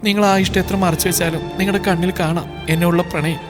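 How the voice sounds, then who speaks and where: A man's voice: high-pitched, steady tone, fast, close to an everyday voice. A man voicing a heartbroken, devoted young wife who speaks in a pleading, emotional way, with background music. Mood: hurt, pleading. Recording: background music clearly audible.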